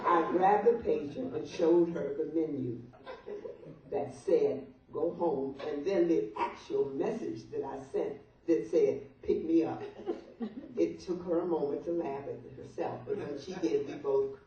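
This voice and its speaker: An older woman, a guest reader at a birthday party, reads a humorous open letter aloud to the guests in a low, warm, unhurried voice. The recording is muffled and noisy, captured by a distant mic in a large, heavily echoing room.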